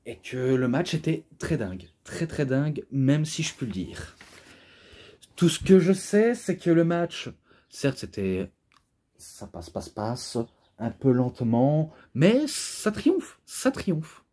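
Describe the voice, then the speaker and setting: A man's voice: mid-range voice, sing-song, takes it slowly, mellow. A man giving a rambling, casual spoken review who gets carried away as he talks, with an imposing voice. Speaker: wrestling DVD reviewer.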